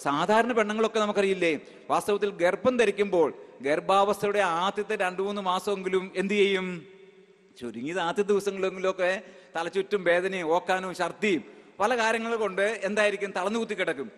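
A man's voice: sits high, steady tone, brisk, fairly bright tone. A male priest preaching a sermon emphatically, calling out hallelujah and asking the crowd rhetorical questions. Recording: long hall reverb.

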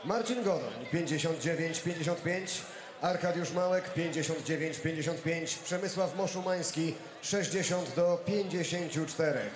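A man announcing the judges' decision as ring announcer, with a booming, drawn-out formal delivery. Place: boxing arena. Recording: echoey arena with loud crowd. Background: crowd.

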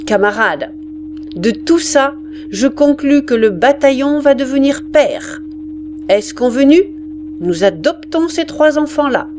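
A woman reading aloud and voicing a gruff male army sergeant, blustering and exclaiming. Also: a little high, sing-song, unhurried, background noise. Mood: rallying.

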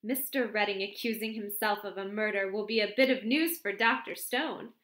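A woman reading an audiobook lightly acts the part of a gossipy young secretary, arch and chatty, breathless and full of exclamations. Her voice is mid-range and a bit bright at a normal speed, with roomy echo around it.

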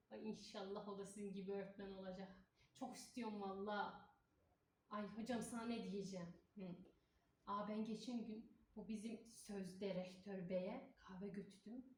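A woman's voice: medium pitch, darkish tone, a little hiss or hum, lightly acted. A woman playing a chatty, gossipy middle-aged cleaning lady, in a comic stage monologue. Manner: chatty, folksy, sprinkles exclamations. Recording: echoey room, voice far from mic.

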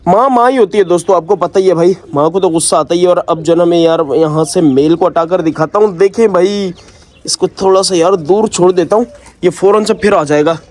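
A man's voice: high voice, a little fast. A man vlogging about his pet birds and rabbits in a chatty, affectionate way. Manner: chatty, affectionate, peppered with "yaar" and "bhai"; coaxing pets softly. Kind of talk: casual vlog narration.

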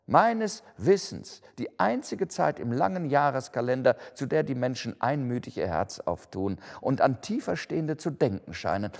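Man doing a bright cheery young guy, bouncy lively voice, hall echo behind. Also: a little high, gravelly, voice pushed up, exaggerated voice. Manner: merry, pleading. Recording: long hall reverb.

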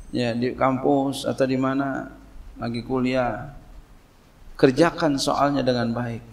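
Gravelly preacher, lively and jokey. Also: male voice, mid-range voice. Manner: lively, jokey, acts out dialogue, reads Arabic and translates. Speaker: Islamic preacher teaching a classical text. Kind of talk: casual sermon in Indonesian with Jakarta slang.

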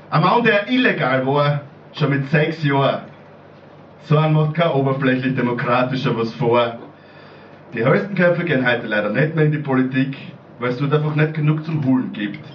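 Man declaiming dialect poetry in an echoey bar. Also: slight background noise. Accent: Austrian German. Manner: declamatory, shifting loudness and pitch. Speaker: slam poet. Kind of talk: rhyming dialect poetry performance. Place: small bar stage. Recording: echoey room, far-off mic, dull lo-fi sound.

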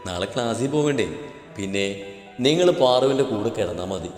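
Read by a man, a young husband comes across fierce toward enemies yet tender with his wife, his voice dropping low and hushed. It sounds like a storybook reading in a reverberant room with a long, ringing tail. Faint music plays underneath. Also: lively intonation, normal speed, close to an everyday voice.

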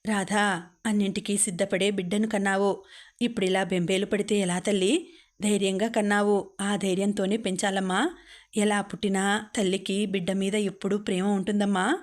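A kindly older woman, voiced by a woman narrator, tender and soothing as she consoles. Her pitch stays even and narrow. It sits in a storybook reading. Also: normal speed, natural voice.

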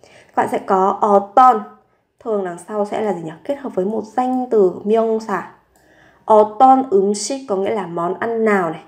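Medium in pitch, a little mellow, and slightly fast, her voice guides a Korean vocabulary lesson. She repeats words patiently and asks herself questions while explaining example sentences, recorded with roomy echo.

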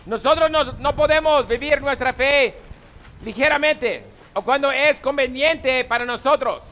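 Middle-aged man as a priest at Mass: very high register, sharp bright tone, sermon and blessing delivery. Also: unhurried, dull audio. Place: small open-sided chapel in daylight.

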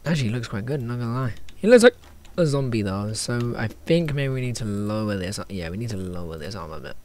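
A man's voice: on the low side, animated, fairly quick, a little mellow, a little hiss or hum. A man with hiccups talking through an animation tutorial in a casual, stop-start way, thinking aloud and correcting himself as he works. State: has hiccups. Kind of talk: casual screen-recorded tutorial.

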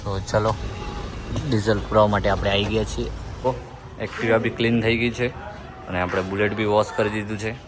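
Low-voiced man vlogging with noise behind. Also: moderate pace, long pauses. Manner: relaxed, explains things plainly to camera. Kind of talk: casual vlog chat. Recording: vehicle and outdoor noise.

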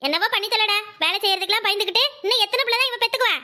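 A woman's voice: very high-pitched, rapid-fire, full character voice. A woman doing a nagging mother-in-law. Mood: scolding. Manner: sharp, nagging, sarcastic. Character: scolding older village mother-in-law. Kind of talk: cartoon voice acting.

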